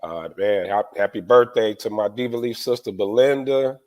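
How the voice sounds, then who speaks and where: A man's voice: on the low side, normal speed, darkish tone. A man co-hosting a podcast, chatting loosely and informally with his friends. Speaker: podcast co-host. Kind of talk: casual chat among friends.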